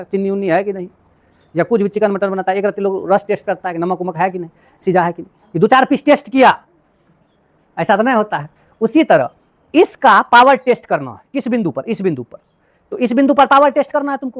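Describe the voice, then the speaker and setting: A male teacher explains physics in a lively classroom lecture. He keeps checking whether his students follow him and uses everyday household examples to make each point clear. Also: high voice. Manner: asks repeated check questions to students.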